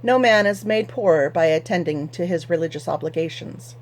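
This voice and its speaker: Storybook read-aloud: woman reading as a steady, stubborn farmer, courteous but immovable. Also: on the low side, fairly quick, a little hiss or hum, lightly acted. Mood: firm courteous. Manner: firm, flat, stubborn. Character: stubborn, pious middle-aged male farmer.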